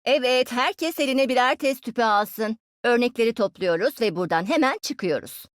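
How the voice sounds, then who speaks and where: A woman's voice: on the high side, expressive, moderate pace, no room sound, clean studio sound, close to an everyday voice. A woman voicing a cheeky, smug young female inventor and genius in dubbed game voice lines, teasing her teammates playfully. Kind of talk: Turkish game dub voice lines.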